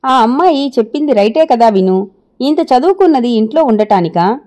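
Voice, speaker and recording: A gentle, self-effacing elderly father speaks in a weak, tired voice, as a woman narrator reads his lines. The tone is mellow and rather high-pitched for an old man. It is an audio storybook reading. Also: animated, moderate pace, lightly acted. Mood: weary, gentle.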